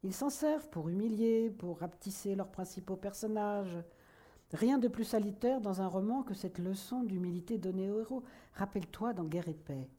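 A woman voicing a vain, irritable middle-aged novelist who lectures pompously and flares up quickly. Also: medium pitch, dark tone, voice pushed up, close to an everyday voice. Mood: lecturing.

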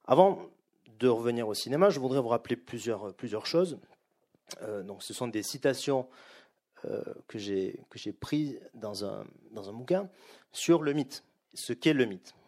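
His voice is medium in pitch, animated, and somewhat dark in tone. The middle-aged man is delivering a public lecture to a live audience, explaining in a measured yet hesitant manner, with many pauses and restarts.

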